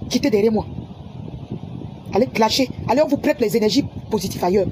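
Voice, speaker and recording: A high-pitched woman rants heatedly into her phone camera, scolding her audience and repeating her points. Loud background ambience and passing traffic fill the recording. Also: a little fast. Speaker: social media personality. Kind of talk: angry livestream rant.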